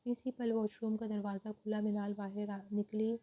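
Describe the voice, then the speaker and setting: A woman reading a novel aloud as audiobook narration, in a very flat, even tone. Her voice is dark and mellow. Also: medium pitch, rough recording.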